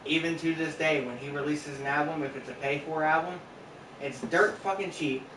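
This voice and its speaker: A man's voice: on the high side, normal speed. Blunt laid-back male co-host, distant mic. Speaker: podcast co-host. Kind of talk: casual podcast chat. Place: home room. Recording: roomy sound, distant mic, faint noise.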